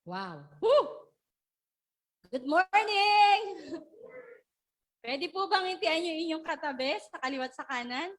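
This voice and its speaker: A woman pastor, preaching a sermon in a lively, laughing way and calling on the congregation to shout. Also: sits high, unhurried. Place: church service.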